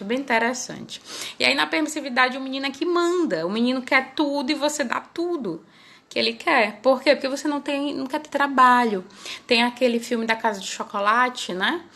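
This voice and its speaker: A woman's voice: on the high side, vocal fry, fairly bright tone. A woman hosting her parenting channel, chatting casually and often ending her phrases with little tag questions. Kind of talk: casual talk to camera.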